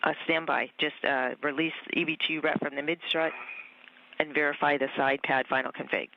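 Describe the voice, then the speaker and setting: A man working as capsule communicator, giving measured procedural calls with filler pauses over a mission control radio loop. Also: on the high side, flat delivery, vocal fry. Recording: muffled radio feed.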